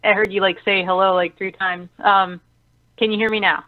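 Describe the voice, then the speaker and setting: A woman's voice: medium pitch, little pitch movement, normal speed, dry recording. Chatty woman caller on a dry phone line. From Tennessee. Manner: chatty, rambling, eager. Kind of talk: call-in radio chat.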